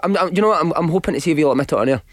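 A man's voice: fairly high pitch, lively intonation, rapid-fire, dry recording. A man chatting casually and self-deprecatingly in a matey Glasgow street accent, as a footballer on a radio show. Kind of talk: casual chat.

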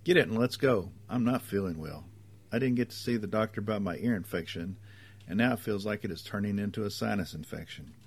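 A man voicing an irritable, sick young mother who complains and turns shrill when she shouts. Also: brisk, breathy edge. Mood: fed up.

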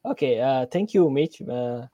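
A young man from Ethiopia, a guest in an interview, telling his story hesitantly with many pauses. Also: mid-range voice, animated, warm tone, no room sound. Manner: hesitant, many fillers and restarts. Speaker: fellowship guest, computer engineering lecturer. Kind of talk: casual interview talk.

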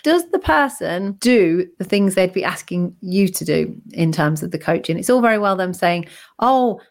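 A British woman with a croaky, froggy voice, chatting casually as a podcast co-host. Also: on the low side, expressive, moderate pace.

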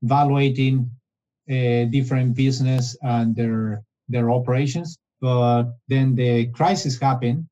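An Argentine business development director, appearing as a guest in a casual interview, frequently restarts his phrases. His mid-range voice is mellow and steady, a little slow, with the high frequencies cut off.

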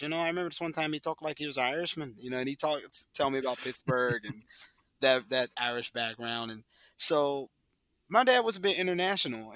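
A man talks as a guest in a reflective interview, halting and thoughtful, leaning on fillers as he searches for words. His voice is bright and forceful in tone, with a dry, close sound that has no room echo. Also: mid-range voice. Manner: hesitant, trailing off with many fillers.

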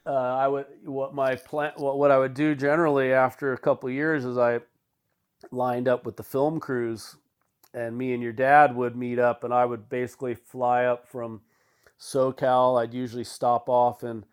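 A man's voice: medium pitch, level tone, moderate pace, clean tone. A middle-aged man, a podcast guest, telling rambling, laid-back stories with fillers and the odd swear word. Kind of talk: casual storytelling.

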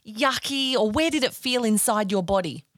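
A woman's voice: on the high side, normal speed, dry recording, clean studio sound. A woman hosting a children's podcast, talking to young kids in a gushing, encouraging, sing-song way. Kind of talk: talking to young children, guided feelings exercise.

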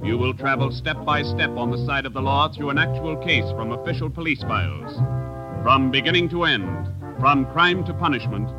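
An American man announcing a radio drama in a formal, solemn, measured 1950s style. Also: mid-range voice, animated, close to an everyday voice. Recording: muffled old radio broadcast. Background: loud dramatic music.

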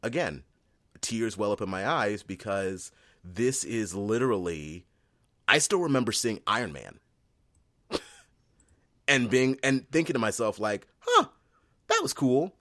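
A man hosting a casual podcast chat, excitable and quick to laugh, with lots of ums. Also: on the low side, no room sound, studio quality. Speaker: podcast host.

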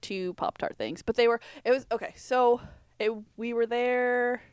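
A woman's voice: on the high side, a little slow, clear, resonant tone. A woman co-hosting a casual podcast, telling anecdotes in an emphatic, conversational way. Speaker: podcast co-host. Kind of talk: casual chat, personal anecdotes.

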